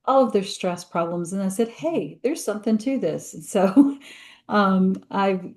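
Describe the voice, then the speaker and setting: A woman's voice: medium pitch, lively intonation, unhurried, darkish tone. A woman coach, once a massage therapist, chattily introducing herself on a video call.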